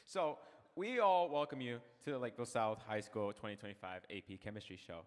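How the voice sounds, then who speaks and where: A teenage boy co-hosting a school science show with a quick, playful delivery. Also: medium pitch. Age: late teens. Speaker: host. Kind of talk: scripted stage hosting. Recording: echoey auditorium sound.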